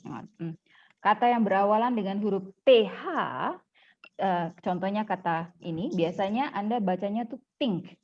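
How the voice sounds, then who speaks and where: Lady teaching english online, jokey and animated, bit muffled. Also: medium pitch, moderate pace. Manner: animated, jokey, switches between languages. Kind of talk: online class lesson mixing Indonesian and English.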